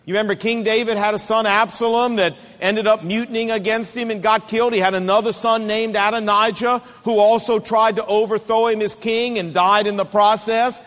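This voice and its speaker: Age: middle-aged. Sex: man. Role: preacher. Style: sermon, emphatic and repetitive, slowing for stress. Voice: high for a man. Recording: long hall reverb. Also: little pitch movement, fairly bright tone. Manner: emphatic, repetitive cadence, slows down to stress points.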